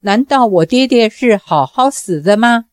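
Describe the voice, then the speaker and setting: A woman's voice: fairly high pitch, expressive, measured pace, dry recording, clean studio sound. A woman reading the lines of a tense, suspicious teenage boy with a tight, guarded delivery. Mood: accusing.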